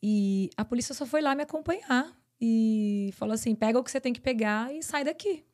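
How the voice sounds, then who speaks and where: A Brazilian woman speaking as a podcast guest, telling her own story. Her voice sits a little high, and the words pour out in long, quick runs. She is earnest and direct throughout. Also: darkish tone. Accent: Brazilian Portuguese. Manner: earnest, tells events in long rapid runs. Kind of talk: personal storytelling in a podcast interview.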